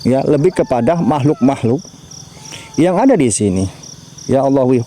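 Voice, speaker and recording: A man's voice: medium pitch, animated, moderate pace, dark tone, slight background noise. A man with a Javanese accent livestreaming from a riverside grave at night, chatting with viewers and calling out to spirits. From Java. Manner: chatty, talks to viewers and chat, invokes spirits. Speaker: mystery vlogger.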